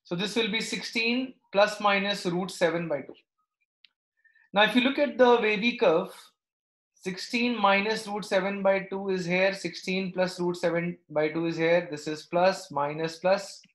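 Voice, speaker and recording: A man's voice: sits high, steady tone, unhurried, a bit bright. A man teaching maths live, working through steps aloud and checking understanding with short questions. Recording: echoey, roomy sound.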